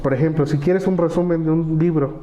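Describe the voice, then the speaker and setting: A man speaking in a conversational webinar, walking through ideas step by step. His voice sits a little high and sounds mellow. The room around him is echoey. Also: steady tone, fairly quick, highs cut off, a little hiss or hum. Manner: explains with lists of examples, tag questions. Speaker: webinar presenter on AI prompts.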